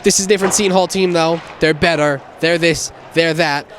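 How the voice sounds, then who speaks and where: A man's voice: fairly high pitch, steady tone, brisk, fairly bright tone, a little hiss or hum. A man giving hockey play-by-play and game previews as a sports commentator. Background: music.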